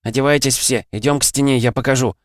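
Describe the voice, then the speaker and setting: Brief: male reader playing an excited young man, slightly raised voice, dry studio. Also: medium pitch, a little fast, dry recording, pitched above the performer's own voice, close to an everyday voice. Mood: eager. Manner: eager, proud.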